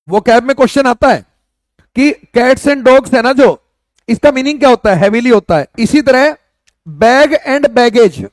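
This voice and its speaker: A loud, emphatic young male teacher running an exam-prep class, his voice pitched very high. The sound is dry and close, with no room around it. He drills phrases and questions his students. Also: no echo. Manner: loud, emphatic, addresses students as beta and bhaiya.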